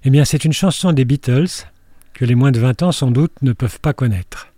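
A man's voice: mid-range voice, normal speed, warm tone, no echo, clean studio sound. An older man reading a wry, scripted film column on the radio, with storytelling asides.

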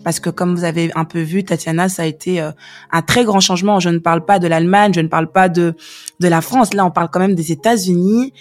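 A woman's voice: fairly low pitch, steady tone, fast, faint music behind. A woman hosting a faith podcast, talking in a chatty interview style with frequent fillers and restarts. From Belgium. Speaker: podcast host. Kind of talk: warm conversational podcast interview.

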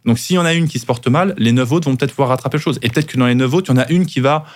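A man's voice: mid-range voice, very fast. A man who is a lawyer, guest on a podcast, explaining things at length with frequent restarts.

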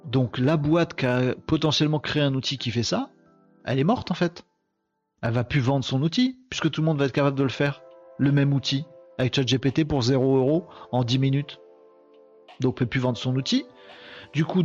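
A male host of a live tech show, talking in a chatty, excitable way and punctuating with quick exclamations. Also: medium pitch, lo-fi sound. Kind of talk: casual live commentary.

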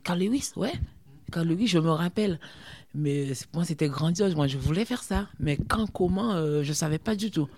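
A woman's voice: fairly low pitch, moderate pace. Chatty woman telling her story. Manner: lively, chatty, full of fillers like hein and quoi. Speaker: former sprinter, interview guest. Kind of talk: storytelling in an interview.

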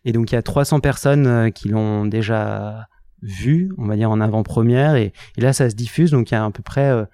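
A man in his thirties speaks in a relaxed interview. His voice is mellow and dark, and the sound is dry and close. He is earnest and halting, stumbling over his words as he goes. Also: lowish voice, no room sound. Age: 30s. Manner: earnest, halting, many restarts. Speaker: guest. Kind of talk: casual interview talk.

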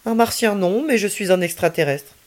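A woman voicing a cheerful, calm alien boy in a children's story, playful and unruffled. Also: medium pitch, moderate pace, natural voice. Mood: carefree. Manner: playful, unruffled, laughing easily.

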